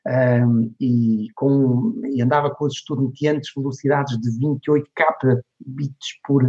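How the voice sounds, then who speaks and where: Slow and level, his medium-pitched voice has a dark tone. The middle-aged Portuguese guest, a digital marketing lecturer with a European Portuguese accent, tells stories in a conversational interview, acting out the people he quotes; the recording is dull and lo-fi.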